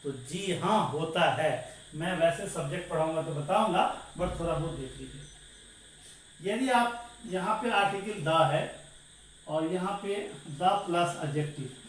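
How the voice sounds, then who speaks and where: A male English teacher gives a grammar lesson in a fairly high voice. He keeps asking the class questions and answering them himself, and he calls his students "dear". He sounds far from the mic in a very echoey room with a faint hiss. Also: slow, fairly bright tone.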